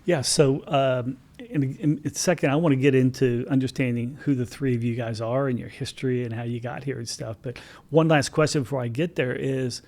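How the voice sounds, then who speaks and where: A man's voice: medium pitch, steady tone, brisk, darkish tone. A man in his sixties hosting a podcast, asking friendly, rambling questions with plenty of fillers. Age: 60s. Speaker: podcast host. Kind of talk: casual interview chat.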